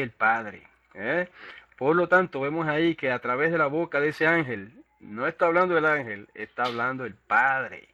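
Bright-voiced man teaching a sermon. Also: medium pitch, dry recording, muffled recording. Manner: explains Hebrew words, asks listeners "¿verdad?"; hesitant, many restarts and fillers. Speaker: preacher.

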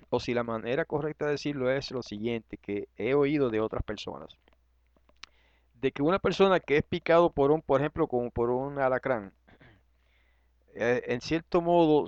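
A man's voice: medium pitch, dry recording. Hesitant man teaching scripture, dull sound. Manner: hesitant and thinking aloud, with fillers and rhetorical questions; reads Hebrew words aloud slowly. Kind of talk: conversational Bible teaching. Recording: dull, slightly muffled close-mic sound.

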